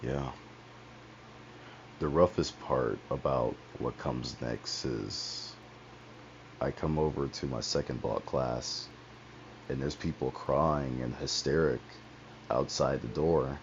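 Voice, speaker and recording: Young guy streaming, super low gravelly voice, swears a lot and wanders off topic, dull headset sound. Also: steady tone, slow, long pauses. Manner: rambling and profane, with frequent asides. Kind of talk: casual personal storytelling on a livestream. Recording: dull lo-fi headset audio with faint hiss.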